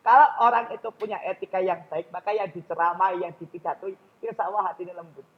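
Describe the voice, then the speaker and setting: A man's voice: high voice, steady tone, fast talker, highs cut off. A man with a Javanese accent giving a public speaking lecture in a mosque, often questioning his audience directly.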